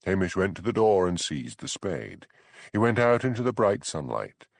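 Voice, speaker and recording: A man narrating an audiobook in an expressive, dramatic reading. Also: low-pitched, moderate pace, gravelly, no echo. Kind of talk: scripted narration.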